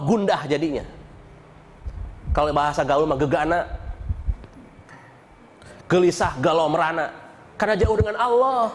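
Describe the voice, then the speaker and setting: Man, Islamic sermon, animated preaching, somewhat high voice, long hall reverb. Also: a little hiss or hum. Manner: lively, animated preaching with chanted dhikr and colloquial asides. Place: mosque hall.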